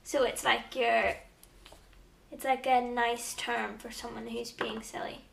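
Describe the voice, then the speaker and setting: Woman, teasing vlog host, bright gravelly tone, echoey room, slightly off-mic. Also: a little high, little pitch movement, measured pace, far from the mic. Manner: playful, teasing, laughs often. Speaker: vlogger quizzing her partner. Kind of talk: casual teasing chat.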